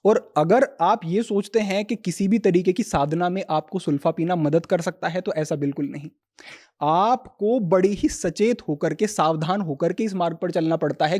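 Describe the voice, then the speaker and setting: High-voiced man explaining yoga philosophy. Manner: calm explanatory, quotes Sanskrit verses. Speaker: yoga teacher, guest. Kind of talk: spiritual podcast discussion.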